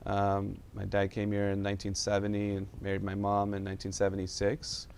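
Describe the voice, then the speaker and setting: A man's voice: lowish voice, monotone, fairly quick, vocal fry, darkish tone, slight background noise. A young man from South Florida, a medical doctor, answers questions in a studio interview, speaking hesitantly with many fillers and restarts. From South Florida, USA. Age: young adult.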